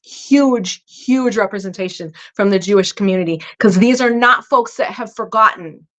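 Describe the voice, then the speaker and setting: A woman's voice: mid-range voice, moderate pace. A woman, a guest minister speaking earnestly and reflectively in a podcast interview, with frequent fillers. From Irish American.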